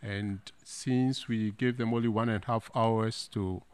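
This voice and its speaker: A man chairing a formal meeting as moderator, measured and deliberate with light humor. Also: fairly low pitch, steady tone, clear, resonant tone.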